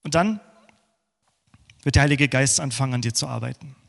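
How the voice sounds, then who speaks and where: A man preaching a sermon, moving between fervent passages and hushed, prayerful ones. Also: medium pitch, fairly quick, gravelly. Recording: long hall reverb.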